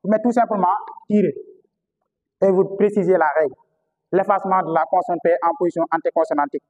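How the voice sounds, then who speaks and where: A male teacher with a Senegalese French accent lectures a class in a fairly high voice. He repeats key terms and puts questions to the students. The sound carries a long reverb. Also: fairly even intonation, quick pace, darkish tone, muffled recording. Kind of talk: classroom lecture on historical phonetics.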